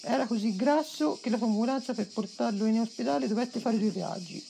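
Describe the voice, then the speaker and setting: High-pitched woman reading out short jokes. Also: brisk, creaky. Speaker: off-camera joke reader. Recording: noisy outdoor camera audio.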